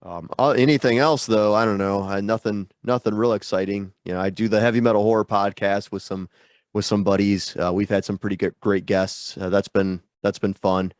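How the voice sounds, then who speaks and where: A man's voice: on the low side, steady tone, a little fast, no room sound, clean studio sound. A man guesting on a video-call interview, stuffy from a sinus infection, rambling and self-deprecating with lots of fillers. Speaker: guest musician. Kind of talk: casual interview chat.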